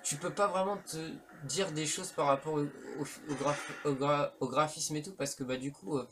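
A man's voice: on the high side, fairly even intonation, moderate pace, over music. A man giving casual, rambling commentary on a horror video game, full of hesitations and slang. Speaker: let's play commentator. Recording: faint background noise.

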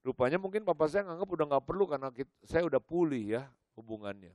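An older man preaching at a church service, telling personal stories in an animated way and acting out the dialogue. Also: on the high side, fast talker, no echo, clean studio sound. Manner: animated storytelling, acts out dialogue. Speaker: pastor. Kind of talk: sermon.

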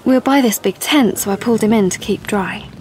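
This mid-range, slightly mellow voice belongs to a woman acting, lightly, as an assertive and persuasive young woman in an audio play. She talks a little fast, insistently explaining things in a confiding mood through monologue and dialogue.

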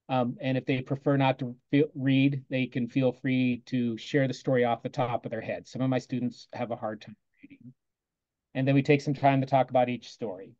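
A man on a video call walks through a lesson he taught, talking casually and quoting what he told his students. His voice is mellow and relaxed at a middling pitch. The sound is dry and slightly muffled. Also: no room sound. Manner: conversational, quotes himself often with "I go", soft asides. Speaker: teacher presenting a lesson.

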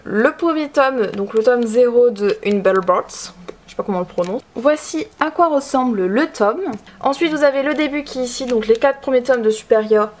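Young woman vlogger, a touch high-pitched, relaxed and hesitant shelf-tour talk. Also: normal speed, slight background noise. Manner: chatty, hesitant with frequent fillers. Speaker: manga collection vlogger. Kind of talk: casual shelf tour narration.

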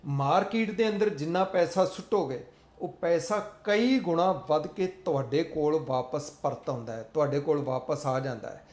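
Man, motivational speaker; earnest, repetitive delivery, slightly raised pitch, roomy echo. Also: moderate pace, a little mellow. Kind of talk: motivational talk.

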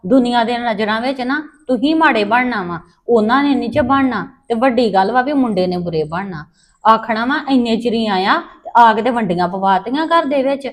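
A woman with a Punjabi accent, acting in a family drama, speaking soft and earnest. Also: on the high side, brisk.

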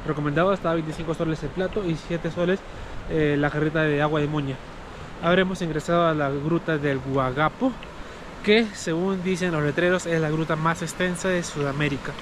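A man talks through his road trip in a relaxed, rambling way, leaning on fillers as he goes. His voice sits a little high. The recording is noisy, with clear outdoor sound behind him. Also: a little fast. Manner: chatty, loose, with many fillers like "este" and "eh". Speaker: travel vlogger. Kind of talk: casual travel vlog commentary. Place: outdoors and on the road while traveling.

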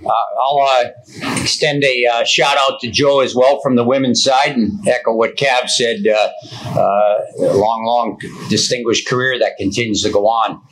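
A man's voice: mid-range voice, fairly even intonation, normal speed, a bit bright, rough recording. A man head coach giving earnest press conference remarks with frequent fillers.

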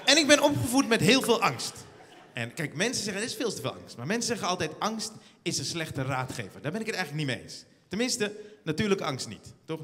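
A man performing a stand-up comedy routine on a theater stage, telling stories in an animated way. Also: on the high side. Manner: animated storytelling, acts out scenes. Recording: theater hall reverb.

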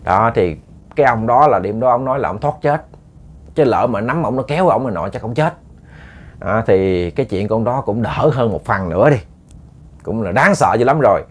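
Chatty Southern Vietnamese male storyteller. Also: lowish voice. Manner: casual, chatty, many repeated words. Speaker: ghost story host. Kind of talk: storytelling to listeners.

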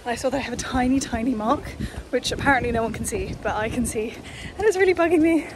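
In a fairly high-pitched, fast voice, a young woman candidly chats to her arm's-length phone camera as she moves from an empty house out onto a street. It's casual vlog narration delivered while walking, with background noise present.

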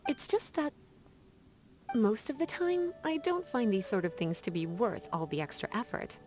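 Lisa, languid flirty sorceress, swooping pitch. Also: female voice, sing-song, darkish tone. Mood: affectionate, relaxed. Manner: languid, teasing, breaking into sighs and drawn-out words. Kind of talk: video game character dialogue. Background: background music.

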